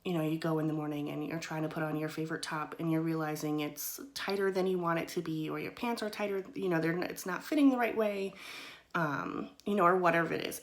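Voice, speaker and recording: Chatty woman with a lowish voice. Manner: conversational, often checks in with "right?" and "okay?"; loose and chatty, with frequent "kind of" and "you know". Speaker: host of a mindfulness talk. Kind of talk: casual teaching talk.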